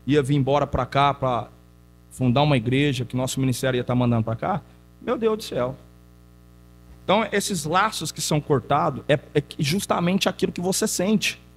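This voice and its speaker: A male pastor preaching a teaching sermon in church, telling stories in an animated way and putting questions to the congregation. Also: on the high side, slight background noise. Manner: conversational, asks the congregation questions.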